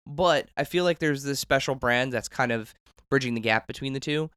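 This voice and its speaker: A man in his thirties, a host who is chatty and eager, with lots of fillers. His mid-pitched voice sounds dry and close to the mic. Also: normal speed, fairly bright tone, clear, resonant tone, dry recording. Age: 30s. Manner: enthusiastic, chatty, many fillers. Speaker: host, reporter. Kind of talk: casual recap and interview.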